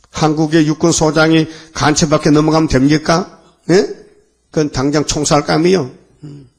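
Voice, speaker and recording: Fiery male preacher, fairly high voice. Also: vocal fry. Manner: rambling, fiery, with repeated rhetorical questions. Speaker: pastor. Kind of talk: dawn worship sermon.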